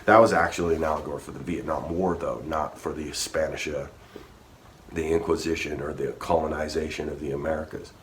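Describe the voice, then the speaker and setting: A low-pitched man tells a history story as a loose, profane rant. He stumbles and restarts, swearing as he goes, with a faint hiss of room noise under him. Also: steady tone, a little fast. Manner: rambling, profane, restarts often.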